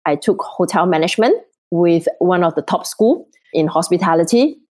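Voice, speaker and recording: A woman's voice: on the low side, expressive, normal speed, darkish tone. Woman with a cold. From Singapore. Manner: chatty, laughs often. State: has a cold. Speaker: guest, event planner. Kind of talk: casual interview chat.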